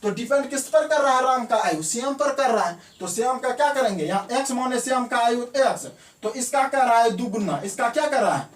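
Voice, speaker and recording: A man's voice: extremely high pitch, animated, a little fast, distant mic. A man teaches math in a classroom, asking a question and then answering it himself, again and again. He says the key words twice. His voice echoes around the room and comes from some way off the mic. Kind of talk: classroom lesson.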